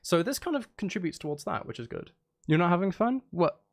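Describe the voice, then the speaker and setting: A high-pitched, sing-song voice with vocal fry and a slightly mellow quality comes from a live streamer who makes music and games. Speaking briskly, he chats casually with viewers as he works, playfully rambling, stopping himself short and repeating bits.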